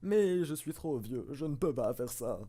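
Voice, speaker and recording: Man reading as an old male professor, halting. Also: fairly high pitch, animated, mellow, pitched above the performer's own voice. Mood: earnest. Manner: halting reading with many fillers. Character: elderly male Pokémon professor, inventor.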